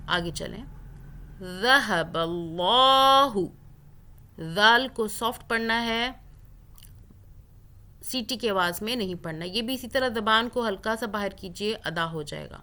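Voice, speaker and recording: A woman teaching Quran recitation rules step by step, drawing out the recited words slowly. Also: a little high, sharp tone. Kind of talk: tajweed lesson with recited examples.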